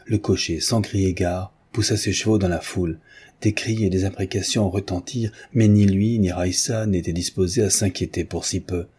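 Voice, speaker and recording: A man reading a novel aloud in measured, literary audiobook narration. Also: low-pitched, steady tone, dark tone, breathy edge.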